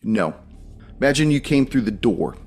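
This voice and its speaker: A man's voice: medium pitch, very animated, normal speed, darkish tone, soft background music. A man narrating a tabletop role-playing game as game master, guiding players through rules and scenes.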